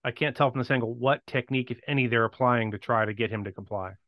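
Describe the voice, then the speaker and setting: A man co-hosting casual commentary on a video, steady and agreeable, asking questions. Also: medium pitch, fast talker, dry recording, highs cut off. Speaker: co-host.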